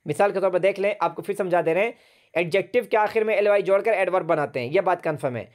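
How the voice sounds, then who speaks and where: Over a video call, a man teaches an online English grammar class, patiently repeating words and spelling them out letter by letter. His voice sits high, and he talks fast.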